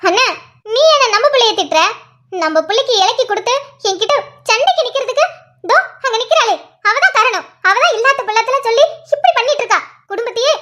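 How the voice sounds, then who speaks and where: A woman's voice: extremely high pitch, animated, bright, forceful tone, full character voice. A woman voicing a sly, defensive, scheming aunt in a family cartoon. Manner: sly, self-pitying, quick. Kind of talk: cartoon voice acting.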